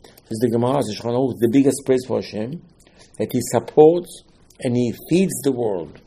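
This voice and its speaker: A man's voice: mid-range voice, moderate pace, dark tone, a little hiss or hum. A man teaching a Torah lesson, telling stories and acting out the dialogues with emphatic bursts. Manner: storytelling, acts out dialogues, rising to emphatic bursts.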